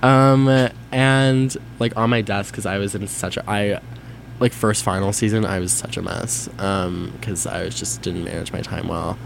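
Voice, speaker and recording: A man's voice: fairly low pitch, steady tone, moderate pace, gravelly, noisy background. A nineteen-year-old man chatting casually with college friends, hesitant and full of ums, laughing often. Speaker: guest being interviewed.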